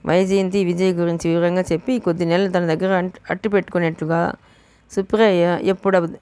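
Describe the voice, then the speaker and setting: Woman audiobook narrator, steady and low, dry close recording. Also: brisk, smooth, no echo. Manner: steady storytelling. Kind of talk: novel reading.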